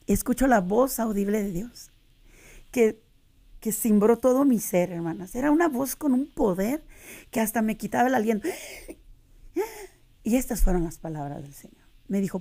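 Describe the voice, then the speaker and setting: A woman's voice: a little high, creaky, mellow. A middle-aged woman telling her faith testimony on a radio interview, earnest and addressing listeners as sisters. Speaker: guest giving a testimony.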